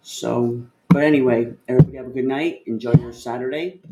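A man's voice: medium pitch, steady tone, a little fast, loud music behind the voice. A man in his fifties co-hosting a podcast, chatting casually, rambling and joking with lots of fillers. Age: 50s. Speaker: podcast co-host. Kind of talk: casual chat. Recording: roomy echo, faint ambient noise.

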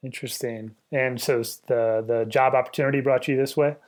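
A man co-hosting a podcast, asking guests questions in a relaxed, thoughtful way, often trailing off quietly. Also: medium pitch, brisk. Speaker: podcast co-host. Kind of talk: conversational interview.

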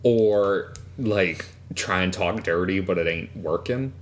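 A man's voice: low voice, slow pace. A man chatting casually as a podcast co-host, frank and crude, with a Valley Girl way of talking. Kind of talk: casual chat.

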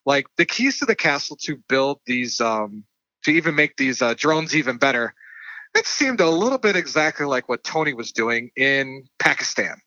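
A man's voice: medium pitch, expressive, moderate pace, sharp tone, no echo, lo-fi sound. A man co-hosting a podcast, talking through a movie casually with lots of fillers and restarts. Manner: rambling, many fillers and restarts. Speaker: podcast co-host.

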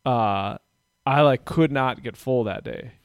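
A man's voice: medium pitch, slow pace, smooth, dry recording, studio quality. A man hosting a podcast, chatting casually and rambling with lots of fillers and restarts. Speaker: podcast host. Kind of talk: casual chat.

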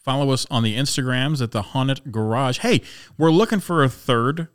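A man's voice: medium pitch, animated, normal speed, smooth. A man hosting a paranormal podcast in a jokey, mock-boastful chatting style. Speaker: podcast host. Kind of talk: joking paranormal podcast chat.

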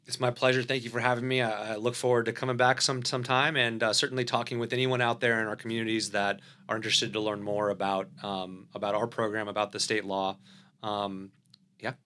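Man, southern us accent, bright forward tone, slightly low voice, podcast guest, lots of ums. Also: level tone, a little fast. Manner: fluent pitch with many fillers and restarts. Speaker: company CEO guest. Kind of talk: conversational podcast interview.

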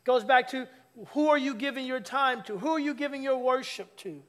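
A man's voice: very high-pitched, moderate pace. A man preaching a conversational sermon in church, teasing the congregation and calling for their replies. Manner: lively, teasing, calls for audience replies. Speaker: pastor. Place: church sanctuary.

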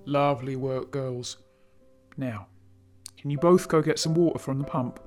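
A man voicing a weary, kindly poor mother who speaks gently and carefully, with music behind. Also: medium pitch, a little slow, pitched above the performer's own voice, close to an everyday voice. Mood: warm. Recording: background music.

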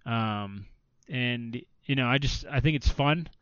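A man chatting casually on a podcast, rambling and filling his sentences with "like". His voice is smooth and clean, recorded dry and a little dull. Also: medium pitch, slow pace, a bit bright, no room sound. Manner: rambling, filler-heavy, restarts often. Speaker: podcast co-host. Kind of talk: casual chat about video games.

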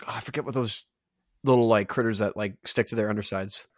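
A man's voice: fairly low pitch, fairly even intonation, quick pace, dry recording, studio quality. A man giving casual film commentary among friends, tossing in wry wisecracks.

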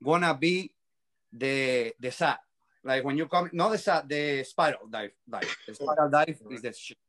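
A man in his forties whose first language is Spanish, chatting excitedly in broken English and swearing freely. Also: mid-range voice, a little slow. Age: 40s. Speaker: paramotor pilot. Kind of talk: casual chat.

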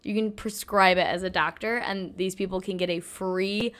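A woman's voice: medium pitch, steady tone, moderate pace, fairly bright tone. A woman co-hosting a casual podcast, chatting and reading out news headlines with lots of "like". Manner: chatty, reads out headlines with filler "like". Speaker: podcast co-host.

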